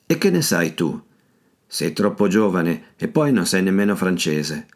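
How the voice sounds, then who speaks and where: A surly old man growls his blunt words, read by a man in a deep, low voice. He sounds suspicious and short-tempered throughout. It is an audiobook reading. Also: big pitch swings, measured pace, full character voice. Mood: bitter.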